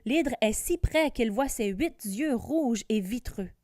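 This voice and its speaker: A woman teacher reading a children's storybook aloud with clear, careful diction. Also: on the high side, slow, dry recording, studio quality. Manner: clear, careful diction with lively voices for characters.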